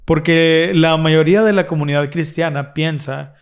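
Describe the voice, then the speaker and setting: A man's voice: fairly high pitch, steady tone, moderate pace, clear, resonant tone. Earnest man co-hosting a faith podcast. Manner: earnest, explaining with frequent restarts. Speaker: podcast co-host. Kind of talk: casual religious discussion.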